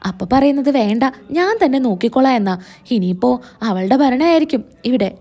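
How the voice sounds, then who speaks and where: A woman's voice: high voice, lively intonation, fairly quick, warm tone. Woman doing a sneering, spiteful young niece. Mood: scornful. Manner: sneering, complaining.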